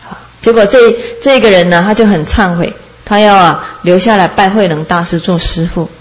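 A woman giving a Buddhist dharma talk, telling a story in a lively way and often laughing as she speaks. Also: medium pitch, normal speed, low-quality recording. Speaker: Buddhist teacher.

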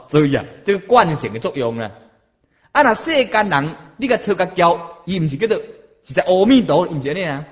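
A middle-aged man delivers a Buddhist sermon in a slightly high voice, stretching phrases out and asking rhetorical questions as he preaches. His pitch rises and falls in lively swings. The recording sounds dull and lo-fi. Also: a little fast.

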